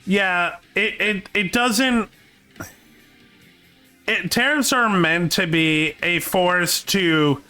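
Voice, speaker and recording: A man from Canada chatting casually on a stream, opinionated and halting, restarting his sentences often, with faint game music behind. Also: high-pitched, pushed and bright, clean tone. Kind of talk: casual chat.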